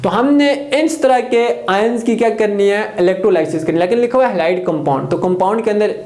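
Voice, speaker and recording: A man's voice: sits high, a little mellow. A male chemistry teacher, lecturing students by posing questions, answering them himself and repeating key terms. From Pakistan. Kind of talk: classroom lecture. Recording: echoey room.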